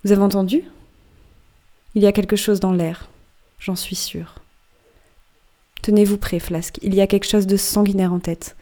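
A woman reading an audiobook as a wry, boastful male sailor who recounts a strange dream in a lively, conspiratorial way. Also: medium pitch, normal speed, long pauses, natural voice.

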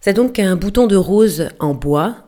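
A woman voicing a brash, joking male whaling mate who mocks and hails loudly across the water. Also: mid-range voice, lively intonation, unhurried, pitched above the performer's own voice, lightly acted. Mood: hailing.

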